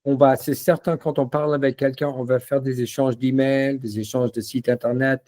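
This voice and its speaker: Relaxed man with a mellow voice. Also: medium pitch, normal speed. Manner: relaxed, repeats words, many fillers. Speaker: language trainer demonstrating a learning platform. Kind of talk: casual software walkthrough.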